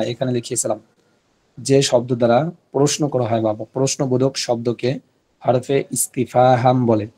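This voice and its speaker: A man leads a language class, explaining slowly and repeating each word so students can write it down. His voice is mellow and warm. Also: mid-range voice. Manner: patient, repeats words for dictation. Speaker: Arabic teacher. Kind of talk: online class lesson.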